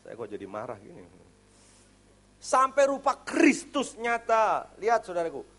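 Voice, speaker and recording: Male pastor, high-pitched, lively colloquial preacher with loud peaks and hushed asides. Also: a little slow. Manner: animated, swings between loud emphasis and quiet asides, colloquial. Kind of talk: sermon. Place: church service.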